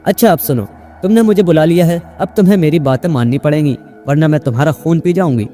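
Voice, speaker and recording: Male narrator doing a playful storybook witch, teasing, mellow low voice. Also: natural voice.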